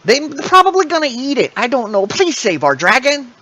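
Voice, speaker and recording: A man's voice: extremely high pitch, wildly swooping pitch, normal speed, sharp tone, pitched above the performer's own voice, heavily acted. A man voicing a small bossy female kobold queen who talks in blunt, broken sentences. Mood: blunt pleading. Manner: broken speech, blunt and pleading.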